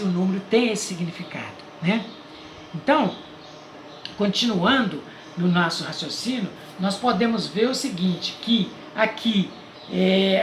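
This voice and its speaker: A man's voice: high-pitched, gravelly. A man with a Brazilian accent giving an informal Bible teaching, conversational and emotional, with many fillers. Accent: Brazilian Portuguese. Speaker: preacher. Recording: roomy echo with faint noise.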